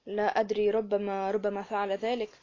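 A woman's voice: mid-range voice, little pitch movement, brisk, a little mellow, lo-fi sound, natural voice. A woman voicing a drowsy, hesitant aristocratic lady in an audiobook. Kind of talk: audiobook character reading.

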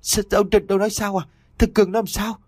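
Brief: man putting on a high, stammering panicked mother for an audio story, dry close sound. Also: level tone, rapid-fire, darkish tone, dry recording. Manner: stammering, shrill. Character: frantic middle-aged mother in shock.

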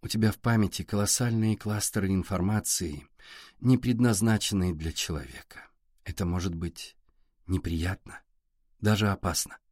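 A man reading a calm, soft-spoken young woman. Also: deep voice, no room sound, clean studio sound. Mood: gentle. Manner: soft, hushed and measured. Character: calm young woman tutor, gentle and composed. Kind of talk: audiobook character reading.

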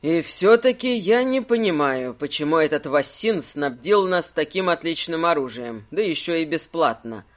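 A man voicing an easygoing, wry male rogue adventurer in an audiobook, speaking low and unhurried. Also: animated, natural voice.

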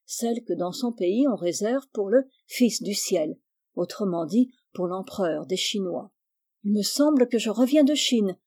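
Woman, audiobook narrator, storybook reading, mellow warm tone, even pace. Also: medium pitch, slightly rough. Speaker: audiobook reader.

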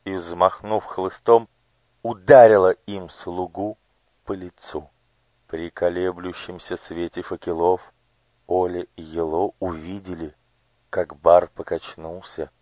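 A man calmly narrating a storybook in a measured reading voice. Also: low-pitched, dry recording. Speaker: audiobook narrator.

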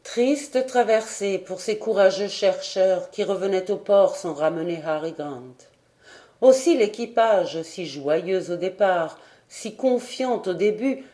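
Woman reading an old adventure novel, mellow warm voice, calm. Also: medium pitch. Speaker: audiobook reader. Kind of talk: scripted narration of a classic novel.

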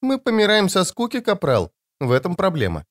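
A man's voice: sits high, huge pitch swings, fairly quick, voice pushed up. A man voicing a sly young female soldier who speaks in a snide, half-whispered way.

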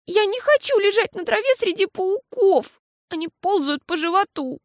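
A woman voicing an excitable, fidgety seven-year-old girl who squeals and whines. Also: extremely high pitch, normal speed, no room sound, clean studio sound, voice pushed up. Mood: frightened whiny. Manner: squealing, whiny and breathless.

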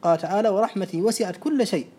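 A man teaches a religious lesson in a measured, deliberate way, reciting verses and quoting scholars as he explains. His voice sits high, yet the tone is mellow and dark rather than bright. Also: husky. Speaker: Islamic lecturer.

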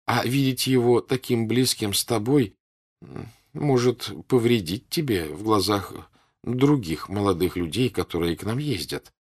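A husky-voiced man voicing a gentle older noblewoman and patient mother in an audiobook, speaking calmly and unhurriedly. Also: fairly low pitch, pitched above the performer's own voice. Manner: calm, unhurried, gently reproving. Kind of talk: audiobook character voice.

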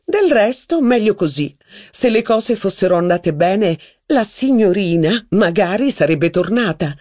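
A man's voice: a little slow, full character voice. A man reading an audiobook, voicing a haughty, witty duchess who gossips with mocking flair. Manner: mocking, gossipy, lively pitch. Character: haughty witty middle-aged aristocratic duchess.

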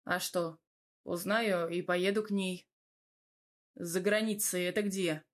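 A woman voicing a brooding, irritable young man, speaking gruffly and curtly in an audiobook. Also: fairly low pitch, fairly even intonation, slow. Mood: weary. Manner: gruff, curt.

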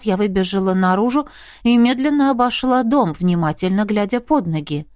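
A woman reading a first-person fantasy novel aloud in a steady, even storytelling voice, close to the mic. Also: medium pitch, dry recording. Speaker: audiobook narrator.

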